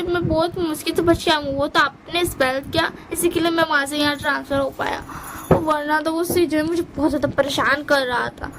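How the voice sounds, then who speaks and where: A woman's voice: sits high, a bit bright, slight background noise, low-quality recording. A woman voicing a shy, clingy young man who whines and complains.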